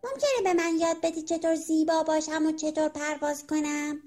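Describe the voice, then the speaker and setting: A woman's voice: steady tone, a little mellow, faint music behind, close to an everyday voice. Woman doing a whiny, jealous little green worm. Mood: eager, pleading. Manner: sulky, pleading, high and tearful. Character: small envious green worm, whiny and eager. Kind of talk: storybook character voice.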